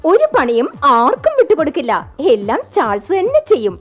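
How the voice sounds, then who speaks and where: A woman on stage playing a smug wife pitching her husband like a product in a mock advert. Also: wildly swooping pitch, fairly quick, faint music behind. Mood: boastful. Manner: theatrical sales-pitch delivery.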